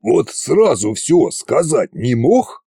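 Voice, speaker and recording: A man voicing an old immortal villain king who speaks in a slow, threatening drawl. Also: fairly low pitch, lively intonation, gravelly, darkish tone, breathy edge, no room sound, clean studio sound, heavily acted. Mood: reproachful.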